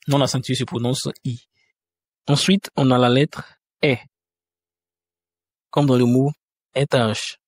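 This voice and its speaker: A man teaching a pronunciation lesson at a mid-range pitch, with a patient and unhurried delivery. He says each example word more than once, slowly, and often stops to search for a word. The sound is close and dry, with no room around it. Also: dry recording. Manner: patient, repeats example words slowly, frequent hesitations. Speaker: language teacher. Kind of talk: spoken lesson explaining pronunciation.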